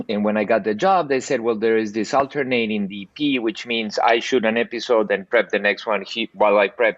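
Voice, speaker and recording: An older man from South America, a cinematographer telling stories on a video call interview, animated with frequent restarts. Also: dry recording, muffled recording. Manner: animated storyteller, lively pitch swings, frequent restarts. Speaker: cinematographer guest. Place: bright home room by window. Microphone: earbuds on video call.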